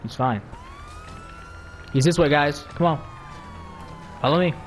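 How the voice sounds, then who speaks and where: A man's voice: on the high side, measured pace, a little hiss or hum. A man giving casual, joking gameplay commentary, swearing a lot and laughing as he plays. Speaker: gamer.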